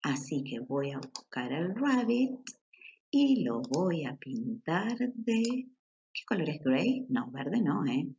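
A woman's voice: low-pitched, sing-song, slow pace, warm tone, muffled recording. A woman with a Rioplatense Spanish accent teaching a children's English lesson, patient and spelling words out letter by letter.

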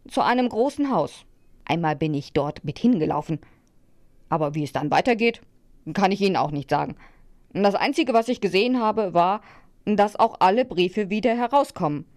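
A woman's voice: medium pitch, a little mellow, natural voice. Woman voicing a grumbly helpful dog, easygoing, storybook.

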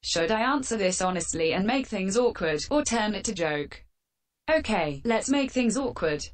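A woman hosting a fan Q&A with sarcastic, deadpan answers, her voice run through a metallic filter. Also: medium pitch, normal speed. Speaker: channel host answering fan questions. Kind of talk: scripted comedic Q&A.

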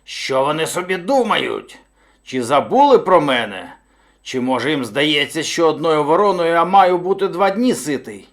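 A man's voice: medium pitch, unhurried. A man voicing a hungry, furious male bear who roars and blusters in a storybook tale. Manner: roaring, blustering shouts. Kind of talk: storybook read-aloud.

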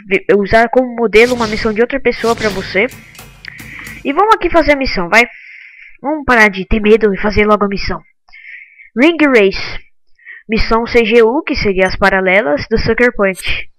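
Bright-voiced Brazilian gamer, casual commentary. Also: medium pitch, slight background noise, low-quality recording. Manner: informal, slangy, thinking aloud. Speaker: gameplay video host.

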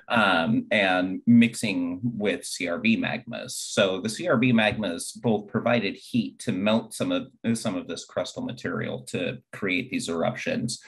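Young male presenter, deep and gravelly, a bit husky; halting delivery with lots of fillers, explains jargon simply. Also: low-quality recording. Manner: halting, many filler sounds; explains terms plainly for a lay audience. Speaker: geology student presenting his mapping research. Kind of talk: recorded slide presentation.

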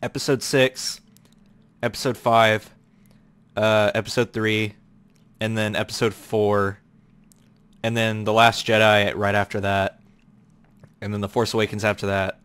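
A young man hosting a casual podcast chat, rambling and laughing often, getting animated when he rants. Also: lowish voice, normal speed, pauses often, smooth. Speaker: podcast host.

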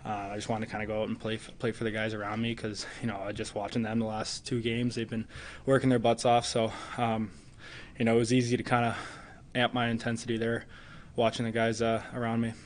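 A man's voice: fairly low pitch, monotone, brisk. A man in his twenties, a hockey player answering postgame press questions earnestly, with lots of "you know" fillers, at a table mic in an arena press room. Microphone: table mic in front.

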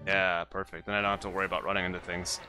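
A man's voice: low-pitched, little pitch movement, racing, bright, forceful tone, soft background music. A man casually commenting on his own gameplay as the host of a let's play, chatty and self-mocking, talking to the characters on screen.

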